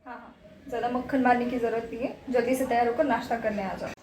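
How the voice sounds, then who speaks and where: A woman's voice: a little high, fairly even intonation, quick pace, reverberant, noisy background, natural voice. A woman playing a mother and wife in a student skit, bossy and teasing with her family. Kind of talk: amateur student drama acting.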